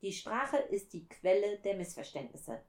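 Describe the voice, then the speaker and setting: A woman voicing a wise, gentle male fox who longs for a friend, reading slowly and wistfully in a storybook. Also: medium pitch, sing-song. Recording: roomy echo.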